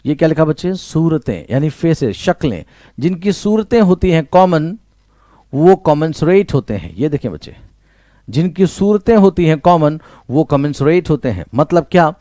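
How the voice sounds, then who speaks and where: A man's voice: on the high side, very animated, moderate pace, warm tone, dry recording, studio quality. A man with an Indian English accent teaching vocabulary, repeating each word and quizzing the listener, mixing Hindi with English phrases. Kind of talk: online vocabulary lesson.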